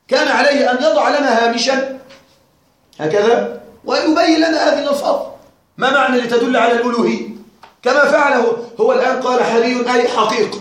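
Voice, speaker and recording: A male teacher giving a classroom lecture on a grammar text, questioning and wryly puzzled as he talks straight to his students. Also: very high-pitched. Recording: very echoey room.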